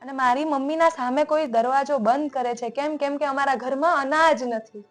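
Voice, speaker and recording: A young woman with a high, bright voice tells her story in a relaxed podcast chat. She talks emphatically, her pitch lifting as she presses her point. Faint music plays underneath. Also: moderate pace. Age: young adult. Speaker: guest speaker, entrepreneur. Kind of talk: casual podcast conversation.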